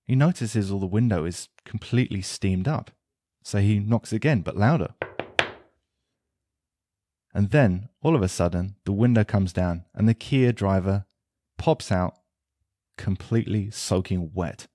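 A man hosting a podcast, telling a story in a relaxed, unhurried way with occasional ums. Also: lowish voice, dry recording. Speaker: podcast host, leathercraft teacher. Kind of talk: casual storytelling talk.

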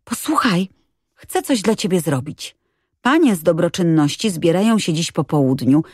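A woman's voice: fairly low pitch, animated, moderate pace, breathy edge, no room sound, studio quality. A woman reading an audiobook, voicing a cheerful, chatty little girl who talks eagerly.

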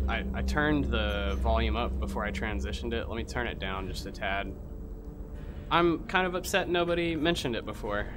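A young man streaming a VR game, chatting casually and swearing with his viewers over a headset mic. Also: mid-range voice. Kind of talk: casual live-stream chat.

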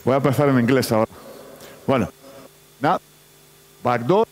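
At normal speed and in a medium pitch, a non-native Spanish speaker leads a basketball clinic, shouting to players and issuing instructions in short, broken bursts. His voice echoes around the big indoor arena where it was recorded.

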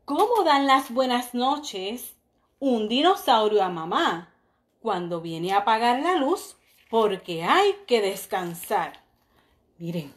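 Reading a storybook aloud to young children, a woman teacher uses a mid-range voice, peppering the story with exclamations and questions for her listeners. At bedtime her delivery softens, slowing down and growing gentle.

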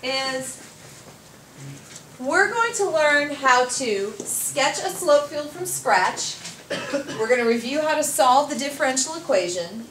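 A woman math teacher lectures her class at a whiteboard, walking through steps and quizzing students. Her high-pitched voice is expressive, slow and fairly bright. A far camera picks her up from across an echoey classroom with faint noise.

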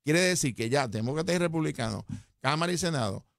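An older man delivers emphatic political analysis on the radio. He talks quickly and presses hard on his points. The sound is close and dry. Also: fairly high pitch, lively intonation, vocal fry, fairly bright tone, no room sound. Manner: emphatic, argumentative, rising when stressing points. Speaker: political commentator. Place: radio studio. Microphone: studio mic.

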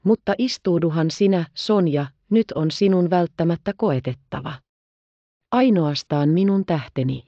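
A woman's voice: on the low side, dark tone, dry recording, dull audio. A woman reading as eager young Natasha. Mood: anxious. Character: young noble girl, eager and anxious. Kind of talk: audiobook reading.

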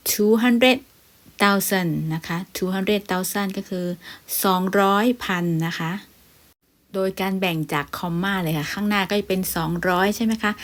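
A woman with a Thai accent teaching a step-by-step English lesson, saying numbers slowly and carefully for repetition, with polite, gentle phrasing. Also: medium pitch, dry recording. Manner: polite with frequent particles.

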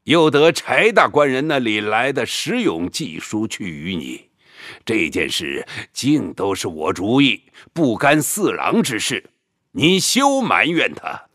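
An actor playing an elderly village patriarch who dotes on his sons, speaking slowly in a fatherly, pleading way. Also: medium pitch, big pitch swings, fairly bright tone, no echo, clean studio sound, exaggerated voice. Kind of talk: audio drama acting.

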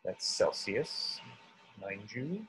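A man's voice: lowish voice, very animated, very slow, fairly bright tone, breathy edge, low-quality recording. A man teaching coffee roasting in a casual live demonstration, thinking aloud and reading numbers off as he works. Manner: thinking aloud, talks through numbers while working.

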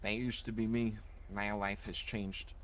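Man, game role-play, laid-back, low voice, swearing, noisy background. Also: flat delivery, measured pace.

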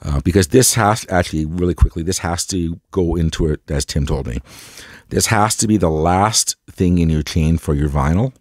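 Low-pitched with a darkish tone at normal speed, a congested man with a head cold leads a hi-fi gear tour video. He talks to camera in a casual, rambling, enthusiastic, self-deprecating way, and the recording is studio quality with no room sound.

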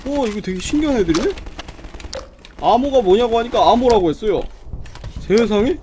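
A man's voice: high-pitched, expressive, normal speed, slight background noise. A man giving casual commentary on a game walkthrough, grumbling at the game and muttering gun noises. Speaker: gaming channel host. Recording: loud game gunfire under the voice.

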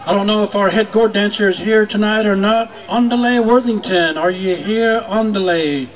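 A man with a high-pitched voice announces as a powwow emcee. He speaks into a public-address microphone outdoors. His delivery is informal and folksy, calling out to people and prompting applause as he makes introductions. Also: poor audio. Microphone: public-address microphone at announcer's stand.

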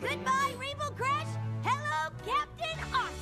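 A woman's voice: extremely high pitch, lively intonation, moderate pace. A woman voicing a brash, tomboyish young female pegasus pony in a cartoon. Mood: boastful. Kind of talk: cartoon voice acting. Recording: loud background music.

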